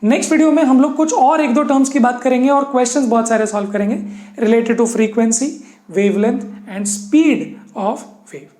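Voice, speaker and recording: A man's voice: very high voice, normal speed, dark tone, reverberant. A man teaching a science lesson. He mixes Hindi with English terms and keeps checking in with "right?". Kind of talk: explanatory online lesson.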